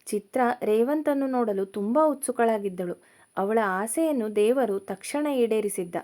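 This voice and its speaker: A woman reading a story aloud as a narrator, in an even, measured manner. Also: fairly high pitch.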